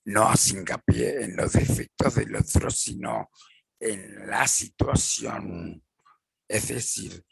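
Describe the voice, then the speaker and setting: A man giving a measured lecture, repeating points and acting out example phrases. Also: lowish voice, gravelly, slightly rough, no echo, poor audio. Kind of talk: slow explanatory lecture with acted examples.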